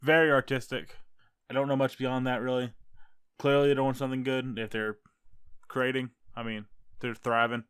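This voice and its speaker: Easygoing young American man, clear dry voice. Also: mid-range voice, level tone, moderate pace, pauses often, a bit bright, no echo. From United States. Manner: rambling, self-correcting, jokey. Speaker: YouTuber ranking fellow creators. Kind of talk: casual tier-list commentary.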